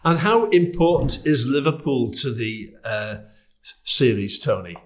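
A man's voice: mid-range voice, expressive, measured pace. A man hosting a podcast, asking friendly, slightly hesitant interview questions.

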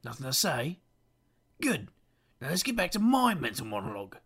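A man playing a wisecracking, weary detective, delivering a wry, self-deprecating noir monologue in a gravelly, husky voice. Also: fairly high pitch, huge pitch swings, moderate pace, fairly bright tone, exaggerated voice. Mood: sardonic musing. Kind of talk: noir first-person monologue.

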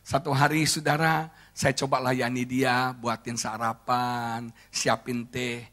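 A middle-aged man from Indonesia preaching a sermon as pastor, telling stories with lively acted quotes and jokes. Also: mid-range voice, slow.

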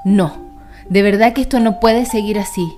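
A woman's voice: mid-range voice, very animated, unhurried, faint music behind. A woman voicing a restless, fed-up father bat in a storybook reading, talking in an exasperated, insistent way.

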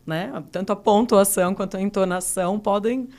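A woman's voice: medium pitch, a little fast, dark tone. A woman hosting a casual interview, echoing and agreeing with her guest as she talks. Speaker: interviewer host.

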